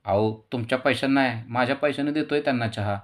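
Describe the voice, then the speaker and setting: A cheerful young man, eager and chatty, a little raised in pitch, as a male narrator plays him. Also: quick pace, close to an everyday voice.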